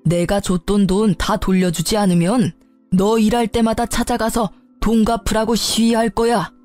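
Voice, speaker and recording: A woman voicing a furious middle-aged father who shouts insults and demands at his cheating son-in-law. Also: medium pitch, little pitch movement, moderate pace, soft background music, close to an everyday voice.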